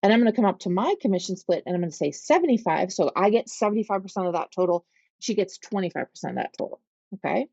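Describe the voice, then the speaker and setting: Sharing her screen, a Pittsburgh-accented real estate trainer calmly takes agents through the software one step at a time, pausing frequently to ask "okay?" Her voice is medium in pitch, mellow, dark and creaky. The sound is dry, roomless and a bit dull and lo-fi, as if from a computer microphone.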